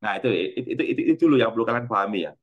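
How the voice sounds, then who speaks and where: A man's voice: lowish voice, very fast, dull audio. Middle-aged male physics lecturer, casual and repetitive, quizzes the class and answers his own questions. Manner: asks students questions and answers them himself; conversational, repetitive teaching. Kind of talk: university lecture.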